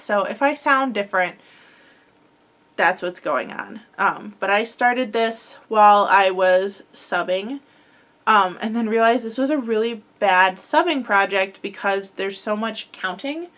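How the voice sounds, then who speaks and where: Talking about her crochet projects in a loose, casual chat, this young podcast host keeps wandering off topic and leaning on "like" and "um". A head cold gives her a slightly congested sound, and her voice is mid-range for a woman and a bit bright.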